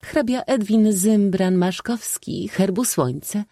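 A man voicing a sharp-tongued, theatrical old maid aunt in an audiobook, teasing and declaiming in a shrill tone. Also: slow, no echo, clean studio sound. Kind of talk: audiobook reading.

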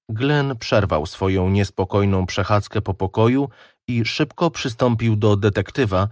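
A male audiobook narrator with a fairly low voice reads a detective story in a measured, even style. The recording is close and dry, with no room sound. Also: no echo.

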